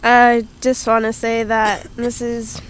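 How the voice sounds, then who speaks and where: A teenage girl soccer player speaking slowly and drawing out her words. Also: fairly high pitch, monotone, clean tone. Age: teens. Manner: slow, drawn-out. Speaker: high school soccer player.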